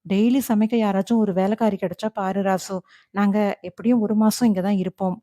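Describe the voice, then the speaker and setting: Audiobook: woman narrator voicing assured young husband, mellow, close and dry. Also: medium pitch, fairly even intonation, a little fast, no room sound, natural voice. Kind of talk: audiobook character voice.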